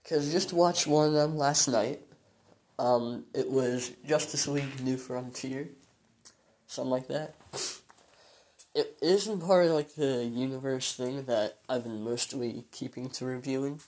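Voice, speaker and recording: A tired young man in his late teens talks through a loose solo podcast into his phone. He stalls on ums, trails off into sighs and wanders from thought to thought, his voice sitting in an ordinary middle pitch. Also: unhurried, a little mellow. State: weary and low. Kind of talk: rambling casual monologue.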